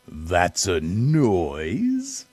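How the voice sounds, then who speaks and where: A man voicing a sly storybook grouch creature in a savoring, drawn-out, theatrical manner. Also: low voice, wildly swooping pitch, darkish tone, slightly rough, dry recording, voice pushed down, exaggerated voice. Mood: gloating.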